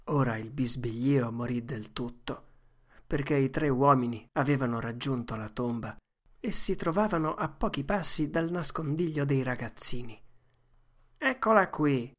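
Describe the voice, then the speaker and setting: A narrator reading an audiobook in a steady, measured way. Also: medium pitch.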